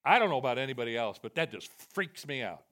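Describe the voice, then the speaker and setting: A male preacher giving a sermon to a congregation, animated and self-deprecating, switching between loud emphatic bursts and quiet confessional asides. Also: medium pitch, fast. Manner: animated and self-deprecating, quoting God and Jesus in a raised voice. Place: church, before a live congregation.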